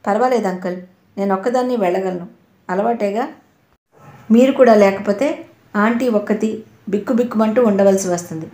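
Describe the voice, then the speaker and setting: Brief: woman doing a bossy, exasperated elder sister for an audio novel, mellow tone, roomy sound. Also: mid-range voice, brisk, pauses often, close to an everyday voice. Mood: fretful. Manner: scolding, exasperated. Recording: roomy echo.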